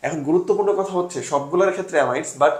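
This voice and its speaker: A young man from Bangladesh runs a casual exam-prep class, his voice sitting a little high. He keeps asking questions and answering them himself, slipping English words in as he goes. The room around him gives off a clear echo. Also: very fast. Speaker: admission test tutor.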